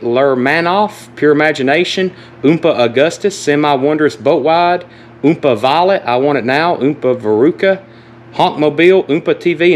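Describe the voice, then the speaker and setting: Male auctioneer selling live, noisy background. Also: a little high. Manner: auctioneer-style calling of bids and prices. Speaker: host of live online record auction. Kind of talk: casual live sales talk with list reading. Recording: noticeable background noise, live stream.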